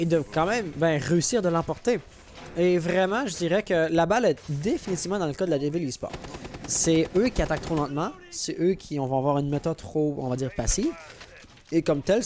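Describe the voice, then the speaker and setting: A young man casting an esports match with play-by-play commentary, excitable and rising sharply at big plays. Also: fairly high pitch, a little hiss or hum. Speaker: esports caster.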